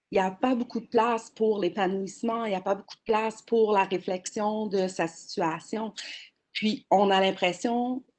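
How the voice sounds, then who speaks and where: A woman's voice: mid-range voice, a little mellow. A woman, speaking as a panelist in a webinar over a video call, earnest and explanatory with frequent hesitations. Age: 40s.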